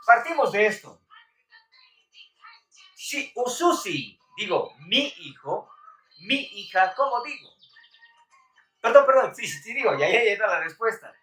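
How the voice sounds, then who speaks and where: A woman teaching Quechua on a live stream, calling out to viewers and running a lively quiz. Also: medium pitch, measured pace, pauses often. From Bolivia. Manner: lively, calls out to viewers, counts down. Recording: echoey room, far from the mic, faint music.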